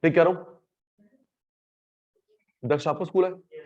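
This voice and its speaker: A man's voice: fairly high pitch, steady tone, unhurried, a little mellow, highs cut off. A man teaching an economics class in a casual, teasing way, mixing Hindi with English terms. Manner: chatty, teasing, switches between Hindi and English. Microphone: microphone.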